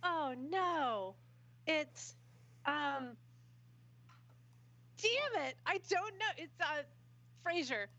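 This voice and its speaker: A woman's voice: sits high, sing-song, very slow, long pauses, bright, forceful tone. A woman answering trivia questions in a casual chat, giggly and flustered when she guesses. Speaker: quiz contestant.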